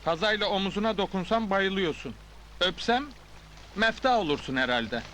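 A stubborn village bachelor, dry and teasing in an old film comedy. His voice is a little high and bright. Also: lively intonation, moderate pace, a little hiss or hum. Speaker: village man. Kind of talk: 1980s film comedy acting.

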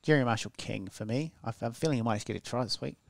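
A male podcast host with a broad New Zealand accent and a medium-pitched voice. He talks sport casually and bluntly, swearing like he is among mates. The sound is dry and close on a headset. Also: fast talker, gravelly, dry recording. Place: small indoor podcast setup, backdrop and curtains. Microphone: headset mic.

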